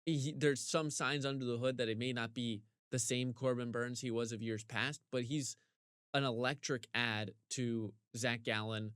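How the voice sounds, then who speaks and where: A man co-hosting a casual sports podcast, ranting animatedly with big jumps in pitch, his voice getting a little hoarse. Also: fairly even intonation, normal speed, fairly bright tone, no room sound, studio quality. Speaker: podcast co-host.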